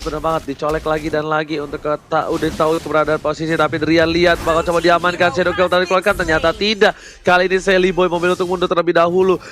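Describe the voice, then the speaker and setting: A man with an Indonesian accent calling live esports action as an excited fighting game announcer, shouting out the kills. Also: sits high. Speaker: esports play-by-play commentator.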